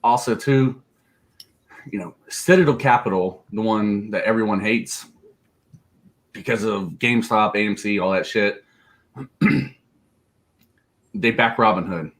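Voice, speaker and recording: Man, lowish voice, livestream stock co-host; blunt, jokey, quick to laugh. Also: a bit bright. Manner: jokey, laughs easily, blunt and a bit profane. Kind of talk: casual livestream market chat.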